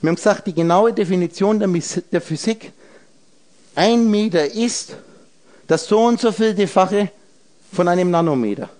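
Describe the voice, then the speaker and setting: High-voiced man giving a rambling esoteric lecture. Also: animated, moderate pace, darkish tone. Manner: rambling, explains words through letters and numbers; talks directly to listeners with questions. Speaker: speaker addressing a group.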